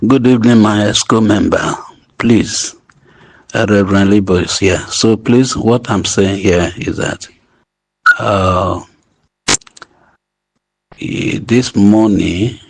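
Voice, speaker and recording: A man, heard through a played-back voice message. His voice sits fairly low and he talks slowly, pausing and restarting his phrases as he urges a group to stay calm. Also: creaky. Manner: halting, repeats and restarts phrases; urging calm. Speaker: group leader addressing members. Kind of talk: voice note update to a group.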